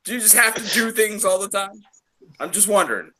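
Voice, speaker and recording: High-pitched, animated man, teasing. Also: brisk, soft background music. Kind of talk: casual chat.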